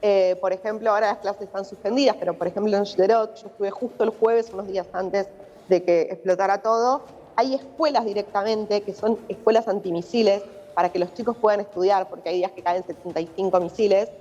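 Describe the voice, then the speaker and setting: A journalist with an Argentine accent, reporting from abroad, explains a situation during a live news interview. Her warm, mid-range voice is fairly even in intonation and a little fast, carried over a muffled remote link with long reverberation.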